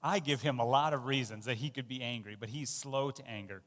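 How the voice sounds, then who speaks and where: A man's voice: medium pitch, a little fast, a bit bright, long reverb tail. A man giving a sermon in a conversational, self-deprecating way, with fillers and restarts. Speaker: pastor. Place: church.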